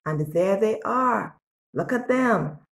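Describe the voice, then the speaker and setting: In an echoey little room with bare walls, a sixty-something woman with a creaky, mid-range voice reads a picture book aloud to small children. She's an expressive, deliberate storyteller who poses questions to her listeners, captured by a phone or tablet at arm's length.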